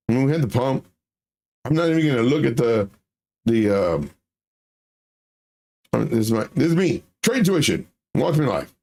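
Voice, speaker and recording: Blunt man with a gravelly, creaky voice. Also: mid-range voice, darkish tone. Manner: blunt, emphatic, repeats phrases for effect. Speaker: livestream host, crypto trading commentator. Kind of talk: casual live chart commentary.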